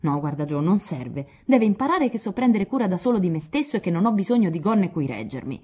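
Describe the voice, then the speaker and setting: A woman's voice: lowish voice, sing-song, a little fast, darkish tone, slightly rough, pitched above the performer's own voice. A woman reading aloud, voicing a hot-tempered, proud young man who blusters indignantly.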